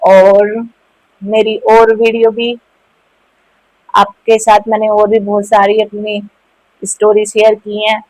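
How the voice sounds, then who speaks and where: A woman's voice: medium pitch, completely flat delivery, takes it slowly, long pauses, a little mellow, no echo, poor audio. A woman casually telling a moral family story, chatty, with fillers and restarts.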